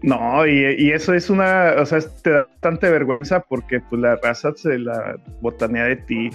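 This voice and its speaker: A man with a Mexican accent, telling stories in relaxed casual chat. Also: medium pitch, moderate pace, faint music behind. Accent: Mexican Spanish. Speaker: podcast co-host. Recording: dull lo-fi sound.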